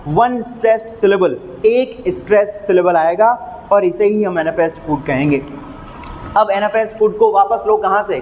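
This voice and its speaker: A man with an Indian English accent teaching a lesson, reading definitions slowly and then explaining each one step by step with checking questions. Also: high voice, a little mellow, in a large hall, slight background noise, poor audio. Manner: repeats each point, asks checking questions.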